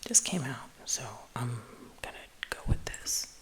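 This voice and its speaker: A woman esthetician whispering casual ASMR chat, rambling with lots of filler words in a breathy unvoiced whisper. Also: a bass voice, lively intonation, measured pace, fairly bright tone.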